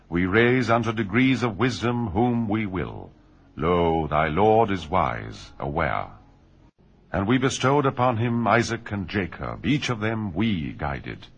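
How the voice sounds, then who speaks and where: A man reading a scripture translation aloud in a measured, solemn way. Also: low-pitched, a bit bright, breathy edge. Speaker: reader.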